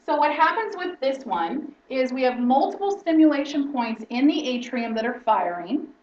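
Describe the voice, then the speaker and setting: A woman's voice: high voice, sing-song, moderate pace, darkish tone, slight background noise. Woman teacher explaining stuff in class, keeps asking okay?, dull lo-fi roomy recording. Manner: explanatory, checks in with frequent "okay?". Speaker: instructor. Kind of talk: lecture-style teaching. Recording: roomy, distant, dull lo-fi sound.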